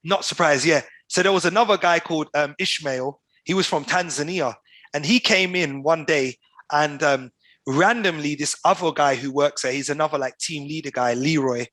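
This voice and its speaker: A podcast guest, a man with a slightly high voice, tells stories animatedly over a video call at normal speed with no room sound. He drops slang like "bro" and "you get me" as he chats casually.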